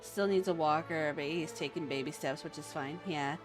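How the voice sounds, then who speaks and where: Lady streamer w a lowish voice just chatting, frank advice, game music faintly under. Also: moderate pace. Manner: informal, frank advice-giving. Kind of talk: casual chat over a game.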